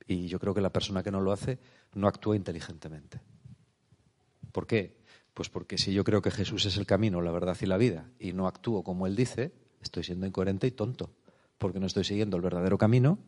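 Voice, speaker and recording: A man's voice: low-pitched, a little mellow. A man giving a thoughtful spiritual talk, often checking in with "eh?" and "no?". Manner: thoughtful, unhurried, tag questions like "eh?" and "no?". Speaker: preacher.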